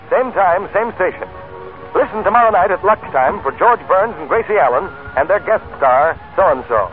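A man's voice: high voice, lively intonation. Man announcing on an old radio show. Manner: brisk, upbeat promotional delivery. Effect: old radio show broadcast sound. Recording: tinny 1940s radio broadcast with music.

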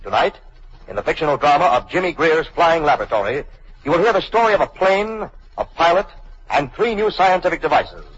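A man's voice: a little high, expressive, fairly quick, husky. A man narrating a 1940s radio drama in a dramatic announcer manner, heard as an old radio broadcast. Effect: old radio broadcast sound. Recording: dull lo-fi vintage radio recording with loud music.

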